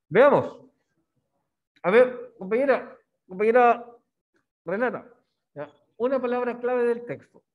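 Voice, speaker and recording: A man's voice: high voice, phone-quality sound. A male language teacher giving a classroom lesson, coaxing his students with constant questions. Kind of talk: classroom lesson on reading poetry.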